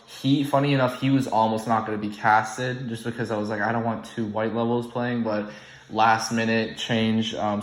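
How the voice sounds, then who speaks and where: A young man who was born in the UK, hosting an online game and rambling casually with many ums and restarts. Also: on the low side. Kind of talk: casual unscripted commentary. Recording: echoey room, poor audio.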